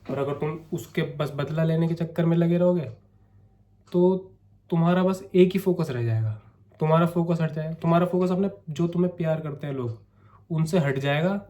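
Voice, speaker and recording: A man's voice: a little high, normal speed, dark tone. A young man with a sore, coughing throat, chatting to camera in a casual vlog and coaxing his viewers. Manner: chatty, coaxing, keeps saying "theek hai". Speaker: vlogger.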